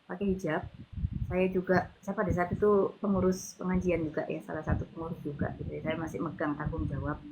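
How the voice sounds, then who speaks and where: A woman's voice: deep voice, flat delivery, a little fast, gravelly, background noise. A woman casually telling her testimony in a chatty way, full of fillers, recorded on a handheld phone. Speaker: convert giving testimony. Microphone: handheld phone, no tripod.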